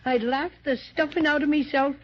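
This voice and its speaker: An actor playing a small, feisty toy teddy bear with blustering, folksy indignation, in the style of 1930s children's radio serials. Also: male voice, extremely high pitch, fairly even intonation, normal speed, a little hiss or hum. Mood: wary. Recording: muffled 1930s radio transcription recording.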